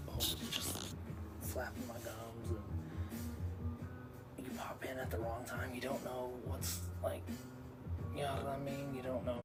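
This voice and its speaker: A man's voice: medium pitch, poor audio. A man livestreaming a casual, rambling, profane monologue, reflective and full of fillers like "like". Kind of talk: rambling live-stream monologue. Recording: loud music behind the voice.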